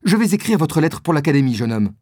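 A man reading a storybook and voicing a stern older male captain who speaks in a measured, commanding way. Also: on the high side, big pitch swings, a little mellow, dry recording, studio quality.

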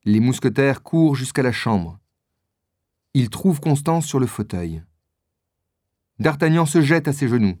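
A calm storybook narrator who reads slowly and evenly. The tone is mellow and warm, recorded dry and close. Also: mid-range voice, no room sound. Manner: calm, measured. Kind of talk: storybook reading.

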